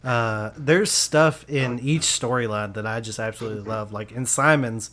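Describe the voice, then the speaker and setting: A man's voice: medium pitch, normal speed, a bit bright. Podcast host, male, eager and laughing, mid-range voice, loose casual chat. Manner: enthusiastic, laughs often, restarts sentences. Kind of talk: casual film review chat.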